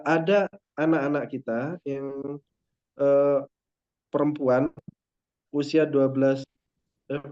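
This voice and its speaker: Flat, mellow-voiced male moderator. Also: mid-range voice, muffled recording. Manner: hesitant, many pauses and fillers. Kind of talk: moderating a question session.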